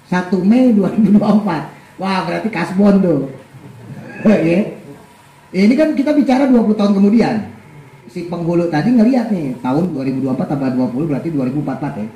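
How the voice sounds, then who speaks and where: A man's voice: high voice, a little fast, long pauses, reverberant, poor audio. Joking man teaching religion. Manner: lively, joking, reads Arabic text then explains. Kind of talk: Islamic study lecture. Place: study gathering hall.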